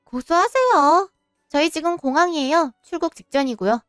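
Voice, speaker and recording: A woman's voice: high voice, animated, moderate pace, fairly bright tone, no room sound, studio quality, soft background music. A woman voicing a defiant daughter-in-law who speaks with cool, cutting politeness. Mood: coldly defiant. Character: cold, defiant daughter-in-law taking revenge.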